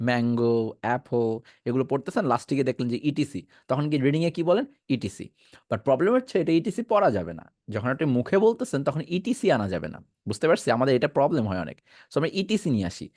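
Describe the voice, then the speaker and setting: A man leads an English pronunciation lesson. He repeats words slowly and keeps asking whether learners follow. His voice swings widely in pitch, and the sound is dry and close. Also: darkish tone, no room sound. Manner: repeats words slowly and drills them, checks understanding often.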